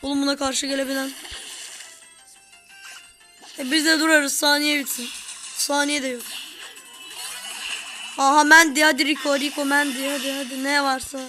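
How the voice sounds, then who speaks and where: A young woman giving excitable live commentary on her gameplay, shouting orders at her teammates. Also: sits high, normal speed, pauses often, soft background music. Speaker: gaming video host.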